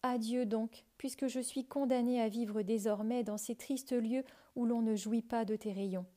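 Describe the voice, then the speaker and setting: A tiny storybook girl, no taller than a thumb, bids farewell in a plaintive, sorrowful voice, as a woman reading the tale puts her on. Her voice is mellow and fairly high. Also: steady tone, a little slow, close to an everyday voice.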